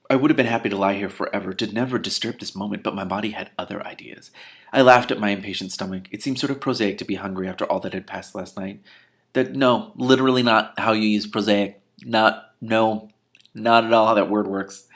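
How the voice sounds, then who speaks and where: Here a man with a fairly low, slightly bright voice reads at a brisk clip. He hosts a novel reading and interrupts it with casual commentary full of sarcasm, irreverence and disbelieving outbursts.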